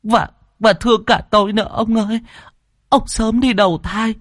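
A man voicing a grieving elderly grandmother who pleads tearfully in a strained falsetto. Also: takes it slowly, dry recording, studio quality, heavily acted. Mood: pleading. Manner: wailing, high strained falsetto.

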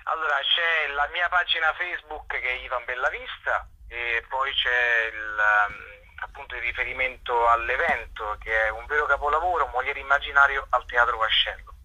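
In a muffled recording, a medium-pitched man, an actor and director, chats as a guest in an informal interview. He explains things haltingly but expressively, using homely examples.

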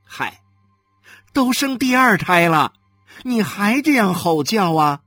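A woman voicing a brisk, matter-of-fact midwife urging a mother to push in an audiobook. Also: mid-range voice, very animated, fairly bright tone, dry recording, studio quality, soft background music, voice pushed up, heavily acted. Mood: brusque urging. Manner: curt, urging, no-nonsense.

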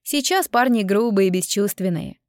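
A caring, blunt schoolgirl friend, as a woman reading the story puts her on, chatty and a little worried. Her voice sits in a middle pitch, recorded close and dry. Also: lively intonation, normal speed, dry recording, close to an everyday voice. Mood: skeptical.

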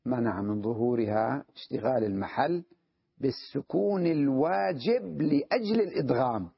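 A man teaching an Arabic grammar lesson in a classroom style, repeating key phrases slowly and often checking that his students follow. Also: mid-range voice, animated, vocal fry, husky, dry recording. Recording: dull lo-fi dry recording.

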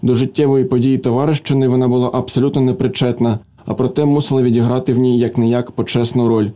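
A man narrating a story in a steady, even reading voice. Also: medium pitch, fast.

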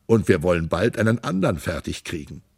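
A man's voice: low voice, big pitch swings, brisk, creaky, breathy edge, no room sound, clean studio sound, full character voice. A man voicing a jovial, boozy husband who teases and reassures his wife in a hearty, coaxing manner. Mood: jovial teasing.

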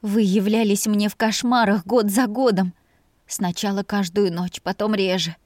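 A woman's voice: medium pitch, steady tone, normal speed, darkish tone, dry recording, studio quality, natural voice. A woman voicing an anguished young woman who sobs as she hurls accusations. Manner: sobbing, accusing.

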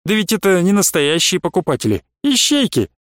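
A man voicing a calm, firm younger merchant who will not budge on price. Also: sits high, fairly quick, no room sound, studio quality, exaggerated voice. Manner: calm, steady, firm refusals.

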